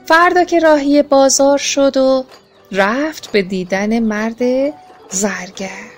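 A woman narrating a children's story in a gentle, expressive reading voice. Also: high voice. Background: faint music.

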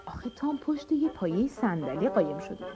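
A woman narrating a children's storybook, expressive and addressing the kids. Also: mid-range voice. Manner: animated, expressive. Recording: dull lo-fi audio with music.

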